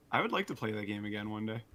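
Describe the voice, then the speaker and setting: A man's voice: on the low side, pushed and bright. An American man guesting on a stream, chatting casually with laid-back dry humor. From United States. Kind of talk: casual chat.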